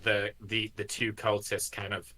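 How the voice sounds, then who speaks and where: A man runs a tabletop game in a fairly low, bright voice. He improvises the narration at a very unhurried pace, halting mid-sentence as he builds each scene. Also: little pitch movement. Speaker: game master.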